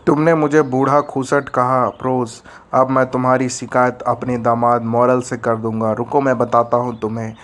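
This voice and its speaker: A man voicing a meddling, grumpy old father-in-law in an animated story, threatening to tell on others. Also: medium pitch, normal speed, hardly any pauses, lightly acted. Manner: threatening, tattling.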